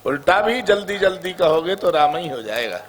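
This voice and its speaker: A kathavachak preacher from the Braj region, speaking with a Braj Hindi accent, delivers a devotional sermon, telling stories, chanting repeated words, and singing verses to listeners. His voice sits high with lively intonation at a moderate pace, and music plays behind him.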